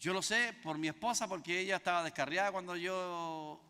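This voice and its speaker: A Chilean pastor preaches in a church, teaching through a story and animatedly acting out both sides of the dialogue in quoted voices. His voice is high, brisk, and smooth, trailing a long reverb.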